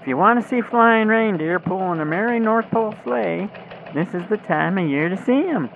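An actor playing an earnest, excitable Christmas elf reporting from the air in a scripted holiday radio news skit, through a radio filter. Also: mid-range voice, moderate pace, creaky. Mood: earnest, eager. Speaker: eye in the sky reporter. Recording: phone-like radio link, engine noise behind.

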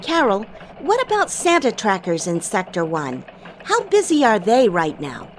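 A woman's voice: medium pitch, wildly swooping pitch, a little slow, slight background noise. A woman playing a female elf radio news anchor, reading in an enthusiastic newsreader manner. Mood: upbeat. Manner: bright, enthusiastic newsreader delivery. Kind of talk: scripted radio news parody.

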